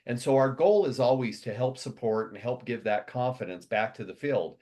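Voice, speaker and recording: This company leader has a mellow, mid-range voice. Speaking to his members in a motivational address, he goes fast and meanders, with many restarts and long enumerations.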